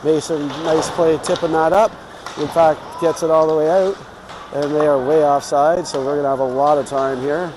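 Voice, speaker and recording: A man's voice: a little high, steady tone, normal speed. A man giving informal, home-team live play-by-play commentary on youth hockey. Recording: clear rink noise behind.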